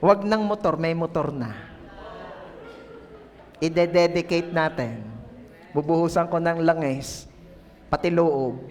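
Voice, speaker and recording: A man voicing God in a sermon skit, speaking slowly and gently commanding, in a reverberant church hall. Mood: insistent. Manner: slow, low, gently commanding.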